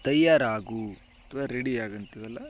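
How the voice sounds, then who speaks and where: A man teaching English phrases in a slow, deliberate drill, saying each phrase twice. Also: medium pitch, slight background noise. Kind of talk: slow, repeated vocabulary drill.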